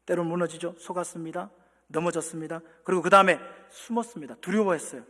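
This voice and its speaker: Man, pastor, sermon, high bright voice, long church reverb, hushed to impassioned. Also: fast. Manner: swings from hushed whispers to loud impassioned climaxes; addresses the congregation directly with rhetorical questions. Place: church sanctuary.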